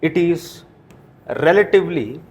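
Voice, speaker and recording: A coaching teacher with an Indian accent lectures exam students, asking questions and then answering them himself. His voice is on the high side and unhurried, and he keeps adding tag questions like "right?" and "okay?".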